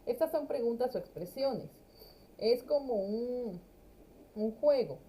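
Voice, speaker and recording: A woman teaching an English class, explaining each step in Spanish and sounding out English phrases slowly and carefully. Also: a little high, expressive, warm tone, slight background noise, low-quality recording. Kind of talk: recorded class lesson explaining a textbook.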